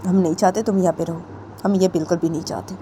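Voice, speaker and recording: Woman voicing a gently coaxing father. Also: lowish voice, fairly even intonation, quick pace, a little hiss or hum, close to an everyday voice. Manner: soft, coaxing. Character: gentle father coaxing his daughter home.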